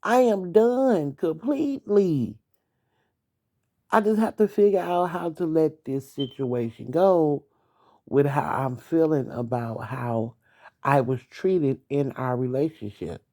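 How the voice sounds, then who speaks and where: A woman's voice: very deep voice, a little slow, mellow. A young adult woman hosting a late-night podcast, venting bluntly about her ex, swearing and talking straight at him. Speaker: podcast host.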